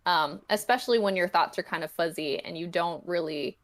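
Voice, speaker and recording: A comic creator appears as a guest on a podcast for a casual interview chat, speaking a little fast in a lowish voice. She explains her thoughts in a rambling, reflective, tentative way.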